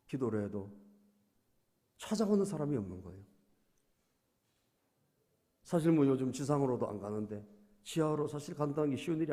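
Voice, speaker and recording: Male pastor preaching, dark gravelly voice, soft asides then loud bursts, long church reverb. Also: medium pitch. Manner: preaching with frequent "예?" prompts to the congregation. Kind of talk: sermon. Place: church sanctuary.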